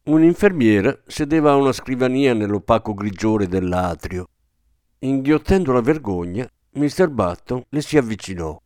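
Male audiobook narrator, animated delivery, dry booth sound. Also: medium pitch, moderate pace, dry recording. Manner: expressive storytelling with many voices. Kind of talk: scripted narration. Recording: dry close studio sound.

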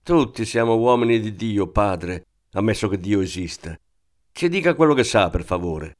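A cool, unflappable woman police inspector presses a suspect with steady, controlled insistence, voiced by a male narrator. She is precise and relentless. The setting is an audiobook crime novel. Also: on the low side, moderate pace, lightly acted. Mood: firm.

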